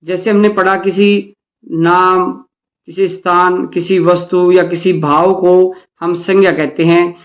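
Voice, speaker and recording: A male teacher with an Indian accent reads each English line slowly, then explains it in Hindi to the children he calls dear kids. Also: high voice, muffled recording. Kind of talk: bilingual English-Hindi lesson.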